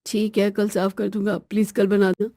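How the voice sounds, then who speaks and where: A woman's voice: medium pitch, level tone, normal speed, warm tone, no room sound, studio quality, pitched below the performer's own voice, natural voice. A woman voicing a weary, henpecked young husband in a storybook tale, grumbling and pleading.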